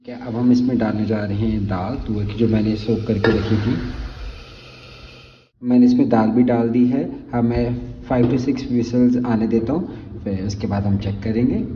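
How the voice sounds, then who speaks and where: A man, talking casually as a cooking vlogger in a home kitchen and apologizing for rushing. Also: on the low side, steady tone, a little hiss or hum. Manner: chatty and hurried, apologizes for rushing. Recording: roomy, slightly dull home recording.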